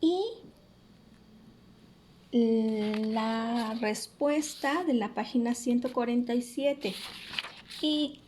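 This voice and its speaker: A woman teacher with a Mexican Spanish accent, explaining a lesson to young pupils in a slow, patient and clear way, checking in with questions. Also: on the high side, a little mellow, slight background noise.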